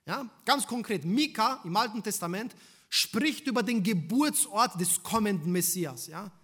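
A man preaching a sermon, putting rhetorical questions to the congregation and swinging between loud emphasis and hushed lines. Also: high-pitched, expressive, normal speed, slightly rough.

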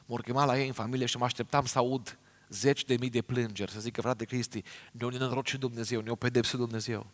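A man's voice: mid-range voice, fairly even intonation. A middle-aged man from Romania preaching a sermon, telling a story earnestly and speaking straight to his congregation.

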